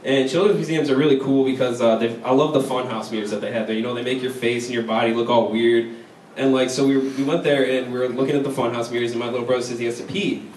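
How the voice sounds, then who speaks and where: Young American comedian, echoey distant live recording. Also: male voice, mid-range voice, fairly even intonation, fast, a little mellow, a little hiss or hum. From Chicago, United States. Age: young adult. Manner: casual, conversational delivery with frequent "like". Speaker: stand-up comedian. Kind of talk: stand-up comedy set. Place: live stand-up show in a university venue. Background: crowd laughter.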